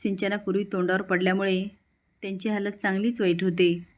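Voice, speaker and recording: A woman narrating a recap of a drama serial in a steady, plain storytelling manner. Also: medium pitch, a little fast.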